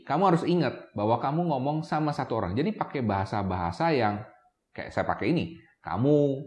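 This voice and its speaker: A man's voice: fairly low pitch, muffled recording. A man giving casual tips to camera as a YouTube presenter, chatty, often checking in with "ya kan?" and mixing in English words. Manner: mixes English words into his talk. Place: room with a camera operator. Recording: echoey room.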